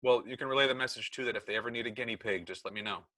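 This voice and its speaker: Talking very fast, the middle-aged American meeting leader, a school technology administrator, chats casually on a video call, explaining and repeatedly correcting himself. His mid-range voice is bright and forceful, with no echo.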